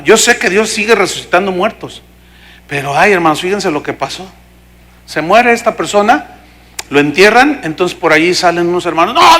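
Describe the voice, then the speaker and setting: A middle-aged Mexican man, a pastor preaching a sermon and acting out the voices of people in his stories. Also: high voice. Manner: animated storytelling, acting out voices.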